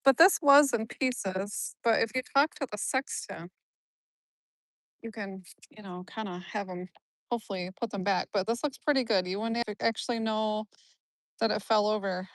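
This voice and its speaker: A woman's voice: medium pitch, normal speed, no echo. A woman live-streaming on a phone while walking through an outdoor cemetery, chatting casually and answering viewers' comments. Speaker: genealogy vlogger.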